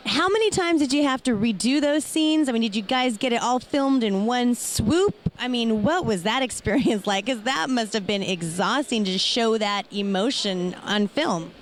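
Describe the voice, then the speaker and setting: A woman's voice: a little high, animated, moderate pace, few pauses, slight background noise. A woman hosting an interview, asking casual, conversational questions. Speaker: interviewer, horror show host.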